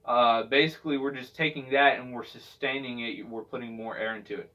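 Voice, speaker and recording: A man's voice: mid-range voice, fairly even intonation, brisk, pushed and bright. A man giving a casual spoken tutorial as a vocal technique instructor, talking in a hesitant, rambling way and repeating himself. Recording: dull, distant microphone sound.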